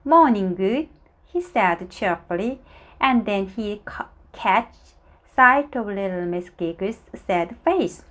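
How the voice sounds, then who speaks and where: Slow, expressive woman reading a storybook. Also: medium pitch. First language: Korean. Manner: slow, expressive, with small stumbles and asides. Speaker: storybook reader. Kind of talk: reading a children's book aloud.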